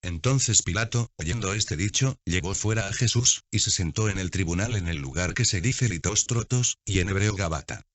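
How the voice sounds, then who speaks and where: A low-pitched man reads scripture in a measured, unhurried narration. The recording is dry, with no room sound, and the sound is dull and lo-fi. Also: animated, a bit bright, no room sound. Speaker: Bible reader.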